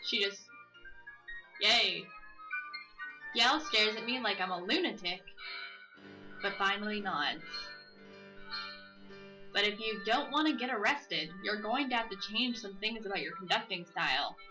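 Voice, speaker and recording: A woman's voice: mid-range voice, lively intonation, music in the background, low-quality recording. A woman playing through a visual novel, reading its text aloud and joking about it between lines. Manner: playful, drawls dialogue slowly for comic emphasis. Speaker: let's play host.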